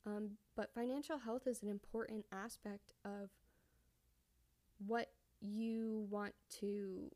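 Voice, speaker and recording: A woman's voice: medium pitch, fairly even intonation, slow, mellow. A young woman hosting a casual solo podcast, rambling and correcting herself, a bit out of breath. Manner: rambling, self-correcting, conversational. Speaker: podcast host.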